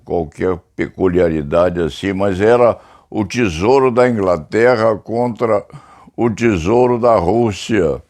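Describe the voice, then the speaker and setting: A man's voice: deep voice, a little mellow. An older man from Brazil with a São Paulo accent, telling a wry, digressive story and referring to himself in the third person. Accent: Brazilian Portuguese, São Paulo. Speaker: criminal lawyer commentator. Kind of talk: reflective storytelling monologue.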